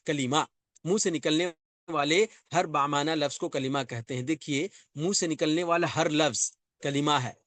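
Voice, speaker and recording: A man with a fairly high voice lectures on grammar, explaining step by step. He repeats each term and keeps checking that his students follow. The sound is dry and close, with no room echo. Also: a bit bright. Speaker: Arabic grammar teacher. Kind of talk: classroom lecture.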